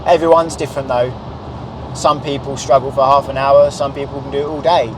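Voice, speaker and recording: A man's voice: medium pitch, flat delivery, fairly quick. A man in his thirties with a British accent, coaching a learner driver in an instructive way with short directions and checking questions. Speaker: driving instructor. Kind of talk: coaching a learner during a lesson. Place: inside a small car. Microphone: clip-on lapel mic. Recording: road and engine noise in car.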